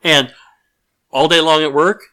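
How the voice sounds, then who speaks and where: A man co-hosting a casual podcast, reading listener questions and chatting with animated, exasperated reactions. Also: on the high side, unhurried, smooth. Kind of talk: casual chat.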